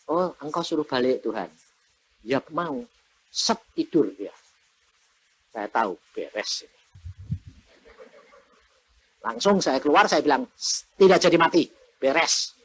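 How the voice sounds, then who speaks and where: A man, preaching a testimony and acting out the voices in his story, sometimes shouting. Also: a little high, slightly rough. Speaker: pastor. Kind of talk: testimony sermon.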